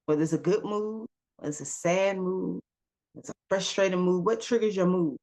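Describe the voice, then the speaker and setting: Speaking with a fairly low pitch and a darkish tone, this wellness coach delivers an informal self-help talk. Her emphatic coaching style is full of quick rhetorical questions, and she addresses her audience as "y'all" and "baby."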